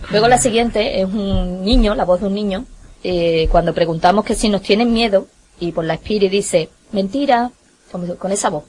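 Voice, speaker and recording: A woman with a Spanish accent, a guest investigator on a radio show, recounting events and agreeing quickly. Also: medium pitch, background noise. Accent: Spanish (Spain). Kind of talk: radio interview.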